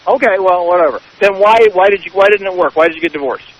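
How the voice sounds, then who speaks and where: A man's voice: high voice, fast talker, lo-fi sound. Young man mocking the host as a radio caller. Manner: mocking, blunt, insulting. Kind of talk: heated phone-in argument.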